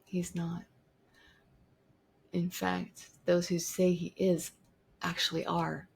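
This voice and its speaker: Gravelly, husky woman vlogger. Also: lowish voice, monotone, slow pace, a little mellow. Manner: emphatic, repeats points for stress. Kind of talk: opinionated talking-to-camera monologue.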